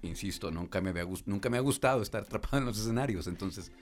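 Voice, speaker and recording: A man's voice: lowish voice, racing. A man casually chatting, mostly answering with brief agreement. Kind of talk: casual chat.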